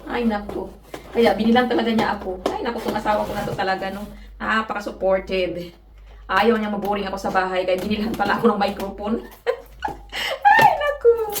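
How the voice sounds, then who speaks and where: A woman's voice: medium pitch, flat delivery, fast, recorded from a distance. A woman from the Philippines chatting casually at home in a vlog. She giggles often and keeps saying "mga my guys.". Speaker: vlogger. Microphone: phone camera. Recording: roomy echo, off-mic, noisy.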